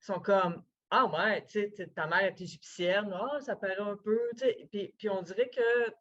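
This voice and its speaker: A woman's voice: medium pitch, moderate pace, fairly bright tone. A woman on an online panel, talking casually and trailing off. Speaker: poet. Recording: dull lo-fi sound.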